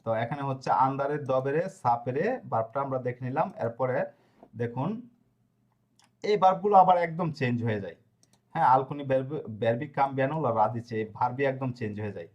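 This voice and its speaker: A man teaching a language lesson, reciting verb forms slowly and checking in with his listeners along the way. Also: medium pitch, a little mellow, highs cut off. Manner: repeats conjugations slowly, with fillers and checks. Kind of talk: explaining a lesson.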